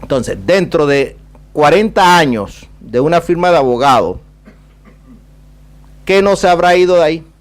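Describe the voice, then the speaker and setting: A man's voice: fairly high pitch, animated, unhurried, pauses often. A man with a Panamanian Caribbean Spanish accent speaks as an ambassador at a public talk, in a discursive, rhetorical way with emphatic repetition. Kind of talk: public talk with question and answer.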